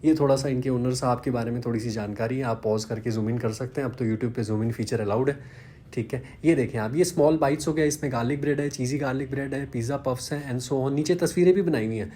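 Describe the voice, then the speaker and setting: A man's voice: mid-range voice, steady tone, quick pace, mellow. A man, chatting casually in a vlog and poking fun at himself. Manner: chatty, self-deprecating, conversational. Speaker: vlogger.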